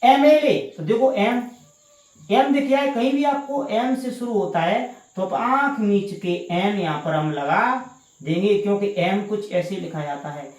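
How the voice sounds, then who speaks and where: A woman's voice: medium pitch, a little slow, darkish tone. A woman teaching English grammar in an online lesson, asking questions and answering them herself and repeating key words. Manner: addresses students as "guys". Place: indoor room with a power cut. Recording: echoey room.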